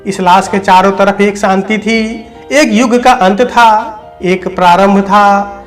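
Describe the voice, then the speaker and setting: A man narrating a scripted, emotional story in a solemn, measured way. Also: sits high, steady tone, faint music behind.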